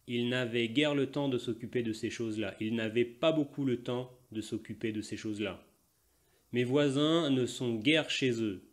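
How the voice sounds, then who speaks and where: French guy giving a language lesson, says examples over slowly, mixes in portuguese explanations. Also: mid-range voice. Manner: slow deliberate repetition of example phrases. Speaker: French teacher.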